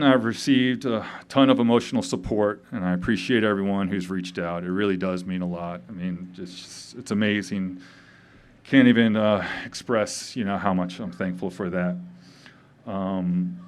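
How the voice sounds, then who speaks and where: A man in his fifties, grieving, giving a halting memorial speech full of pauses and fillers at a tavern gathering. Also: lowish voice, a little hiss or hum. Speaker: eulogy speaker. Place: tavern event.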